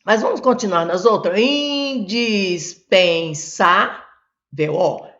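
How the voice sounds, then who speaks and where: A woman's voice: mid-range voice, lively intonation, normal speed, gravelly. A Brazilian woman teaching grammar for exam prep, explaining step by step and repeating terms, while she has a cold. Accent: Brazilian Portuguese. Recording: dull lo-fi recording.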